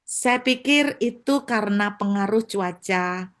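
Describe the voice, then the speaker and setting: A woman pastor from Surabaya, telling a story in her sermon with lively acted-out voices. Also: mid-range voice, slow. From Surabaya, Indonesia. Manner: animated, acts out voices.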